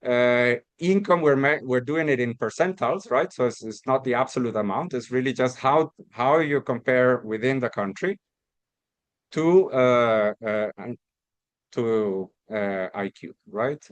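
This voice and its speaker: A man's voice: mid-range voice, measured pace, no echo. A man from Costa Rica giving an academic research talk, explaining step by step with many restarts and repeated words. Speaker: academic presenter.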